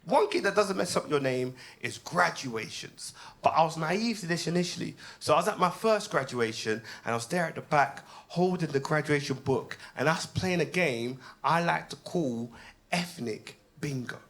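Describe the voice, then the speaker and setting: A British man, performing a stand-up comedy set, swinging between low deadpan asides and loud laughing punchlines. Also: moderate pace, creaky. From United Kingdom.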